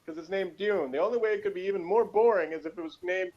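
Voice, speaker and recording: A man from Texas, United States, co-hosts a podcast reviewing a TV episode, chatting casually and unscripted, rambling and correcting himself with dry humor. His voice is high and fast, on a lo-fi recording with slight background noise.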